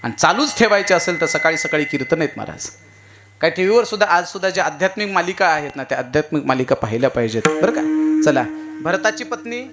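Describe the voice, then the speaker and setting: A man's voice: fairly high pitch, noisy background. A man giving a devotional kirtan sermon. He tells stories, quizzes the crowd and coaxes them to answer. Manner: lively, asks the crowd questions and coaxes answers; storytelling with acted dialogue and emphatic swings. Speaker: kirtan preacher.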